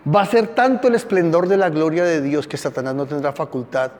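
A man with a notably high speaking voice leads a teaching sermon, poking fun at the story as he tells it. He calls on listeners by name, and his voice rings out with a long reverb across a large hall. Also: brisk, darkish tone. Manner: sarcastic, playful, quizzes listeners by name. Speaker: pastor.

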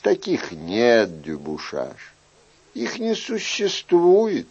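A man's voice: mid-range voice, wildly swooping pitch, drawn-out words, darkish tone, breathy edge, dull audio, full character voice. A man reading an audiobook, voicing an earnest, lovesick young male courtier in a fervent, pleading manner.

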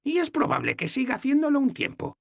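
A man's voice: very high-pitched, wildly swooping pitch, fast, creaky, dry recording, clean studio sound, pitched above the performer's own voice, full character voice. A man voicing a stern, mocking old woman goddess in an audiobook, speaking in a blunt, scolding way. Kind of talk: audiobook character voice.

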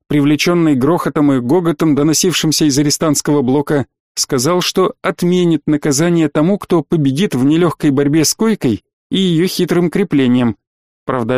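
A male audiobook narrator with a voice a touch above usual pitch, reading in a measured storytelling manner. The recording is close and dry. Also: a little mellow, no room sound. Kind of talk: scripted narration.

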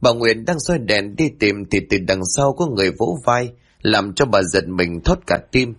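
A man narrating a scripted horror story in a dramatic, expressive way. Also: lowish voice, normal speed.

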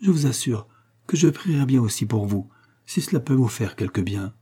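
A man's voice: mid-range voice, expressive, normal speed, mellow, breathy edge. A man voicing an emotional, affected middle-aged widow in an audiobook, speaking in a gushing, tearful manner. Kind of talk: audiobook character reading.

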